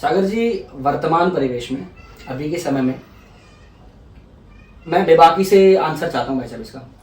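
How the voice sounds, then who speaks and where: A man's voice: fairly high pitch, lively intonation, moderate pace, a little mellow, far from the mic. Polite male interview host, echoey room. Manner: polite, addresses guest as brother, frequent affirming "ji". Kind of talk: conversational interview. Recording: echoey room, voice away from mic.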